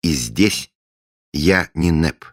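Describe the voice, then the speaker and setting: A man's voice: rumbling low, expressive, extremely slow, no echo, studio quality, voice pushed up, full character voice. A man voicing a grandiose middle-aged leader of a secret order, who speaks in solemn, imperious pronouncements. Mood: pompous. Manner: solemn, imperious pronouncements, later loud and hearty. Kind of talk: audiobook character voice.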